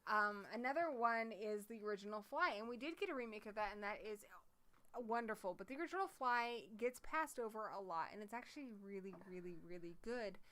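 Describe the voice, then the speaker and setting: A woman's voice: fairly high pitch, brisk, fairly bright tone. A woman co-hosting a horror livestream in casual chat, talking with enthusiasm and swearing freely.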